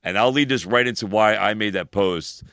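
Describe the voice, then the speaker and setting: A man's voice: normal speed, a bit bright, clean tone, no echo, studio quality. A man, co-hosting a casual podcast chat and speaking emphatically, with heavy swearing and a preachy tone. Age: 40s. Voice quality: deep voice. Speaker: podcast co-host.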